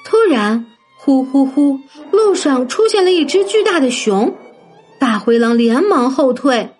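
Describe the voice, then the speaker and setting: A woman narrating a children's story in a gentle, sing-song manner, addressing young listeners. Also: sits high, animated, a little slow. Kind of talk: scripted bedtime story narration. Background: soft background music.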